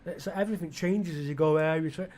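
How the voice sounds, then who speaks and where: A man's voice: a little high, quick pace, darkish tone. A British man musing aloud in rambling flight-sim commentary, often asking himself questions and restarting his sentences, with blunt, mildly irreverent asides. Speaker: gaming video creator.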